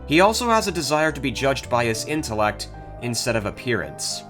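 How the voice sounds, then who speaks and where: A man delivers scripted narration for a video. His pitch is average, with soft plucked guitar behind him. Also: very animated, a little fast. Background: guitar music.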